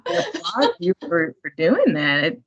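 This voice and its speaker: A woman's voice: deep voice, huge pitch swings, a little slow, slightly rough. A woman hosting a library talk, speaking with admiring enthusiasm. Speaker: program host. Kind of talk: casual discussion on a video call. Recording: muffled lo-fi call audio.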